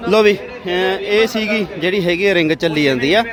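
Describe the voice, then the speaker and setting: This livestock show video host, a man with a Punjabi accent, chats familiarly with farmers and comments on the spot during a casual outdoor vlog at a livestock fair. He speaks in a high-pitched voice at a moderate pace over crowd and street noise.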